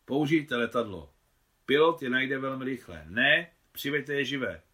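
A commanding colonial governor of middle age speaks crisply and gives orders, voiced by a man reading a novel. His tone is bright and forceful. It is a storybook reading. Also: medium pitch, animated. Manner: brisk, giving orders.

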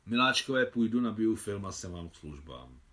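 A man's voice: fairly low pitch, sing-song, pushed and bright. A man reading as a hearty older officer. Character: older male officer, kindly veteran photographer.

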